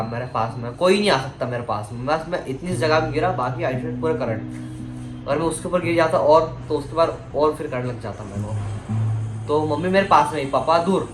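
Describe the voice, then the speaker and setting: Rambling young man, echoey room. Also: a little high. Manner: rambling, many restarts and fillers. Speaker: vlogger. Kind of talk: casual storytelling vlog. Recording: echoey room with music behind.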